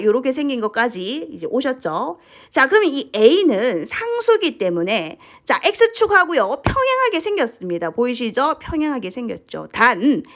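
Female math teacher, animated pitch, high-ish voice, prompting students with constant questions. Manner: lively, keeps asking questions and prompting with "자". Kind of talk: lecture to students.

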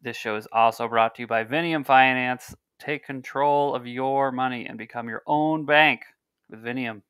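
Speaking into a headset mic on a video call from his home, a podcast host in his thirties reads news and sponsor copy with small slips and otherwise chats in a loose, rambling way. His medium-pitched voice is a bit bright and clean in tone, with studio quality and no room sound.

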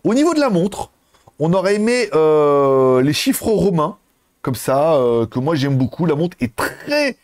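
Animated, joking French-speaking man reviewing gadgets. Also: a little high, measured pace, no room sound, studio quality. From France. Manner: joking and animated, with playful asides. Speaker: product reviewer and channel host. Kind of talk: casual product review vlog.

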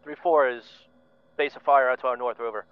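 A man's voice: medium pitch, fairly even intonation, brisk, clean tone, no echo. Dull-sounding man giving terse radio updates. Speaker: military sim player on radio. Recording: dull lo-fi audio, faint noise.

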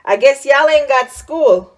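A high-pitched, animated voice belongs to a Jamaican-accented mother in her thirties who speaks a little slowly. She shoots a sassy family vlog on a phone at arm's length, teasing and scolding with dry wit, in the small room and hallway of a house.

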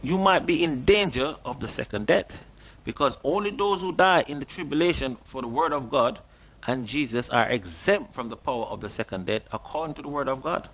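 A middle-aged preacher delivers a sermon from a small studio desk, reading scripture in an earnest, slightly bright voice at a fairly quick pace. His intonation is lively as he questions listeners directly and lifts his pitch to stress key words. A webcam at desk distance picks him up.

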